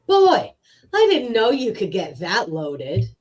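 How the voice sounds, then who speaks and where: A woman's voice: medium pitch, wildly swooping pitch, slow pace, a little mellow. A woman playing a fed-up actress in a radio theatre piece, speaking reproachfully.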